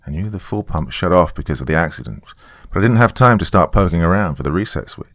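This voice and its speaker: The narrator is a man with a very deep, fairly bright voice and lively intonation, unfolding a dramatic first-person story in a deliberate, folksy way. The recording is dry and close, with no echo.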